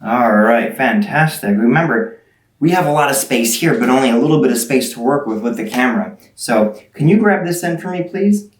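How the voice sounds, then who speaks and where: Low-voiced woman, playful kids party magician. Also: animated, brisk. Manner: playful, teasing, coaxing children with questions. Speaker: children's magician. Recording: roomy, echoing sound.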